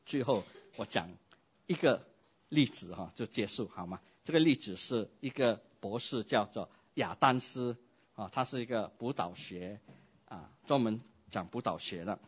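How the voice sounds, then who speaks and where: A man preaching a sermon, telling a story and acting out its dialogue with lively shifts. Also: lowish voice, moderate pace, slightly rough, highs cut off. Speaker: pastor.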